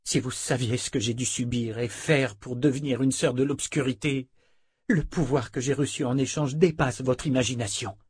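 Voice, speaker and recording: A man voicing a fierce young woman, a vehement and imperious sorceress of a dark order, in an audiobook. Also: medium pitch, fairly even intonation, normal speed, breathy edge, no echo, clean studio sound. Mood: curt.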